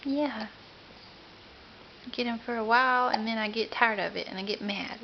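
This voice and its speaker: High-pitched mother cooing baby talk. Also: moderate pace. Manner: soft sing-song, speaks for the baby. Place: home, indoors. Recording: dull lo-fi home video with hiss. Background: dogs barking.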